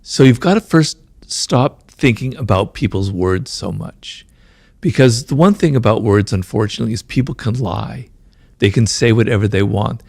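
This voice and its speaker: A man answering interview questions, explaining at length, talks fast and keeps checking in with "right?" and "you know". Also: lowish voice, creaky, a little mellow, no echo. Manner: talks fast, says his mind races. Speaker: author being interviewed.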